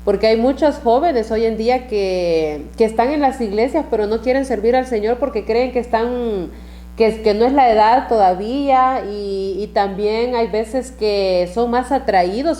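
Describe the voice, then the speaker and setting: Mellow-voiced woman hosting a church show. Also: on the high side, normal speed. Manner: gentle, many affirming uh-huhs and amens. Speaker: host. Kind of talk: church interview.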